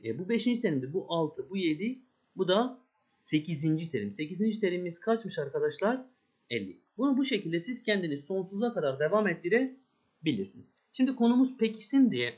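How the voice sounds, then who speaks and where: A man's voice: high voice, highs cut off. A man teaching a math lesson step by step, talking straight to his pupils and asking them questions. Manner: lively, step-by-step, addresses pupils directly.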